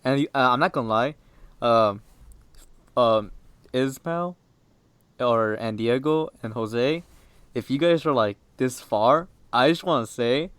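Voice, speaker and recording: A man's voice: mid-range voice, takes it slowly, long pauses, a bit bright, clear, resonant tone, no echo. A teenage boy hosting a casual podcast chat, rambling with many fillers and restarts. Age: teens. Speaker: podcast host.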